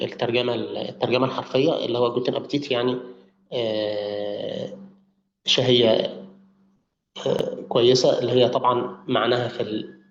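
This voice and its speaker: A man's voice: mid-range voice, gravelly, a little hiss or hum. A male teacher with an Egyptian Arabic accent leads a live lesson, repeating words over and over for his students. The recording is roomy and muffled. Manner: drills pronunciation, repeats words for learners. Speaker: language teacher.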